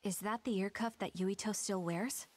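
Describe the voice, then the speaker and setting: A woman's voice: medium pitch, fairly even intonation, moderate pace, darkish tone, lightly acted. A woman playing a serious, dutiful young female fighter in an anime game, earnest and restrained. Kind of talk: anime video game dub acting.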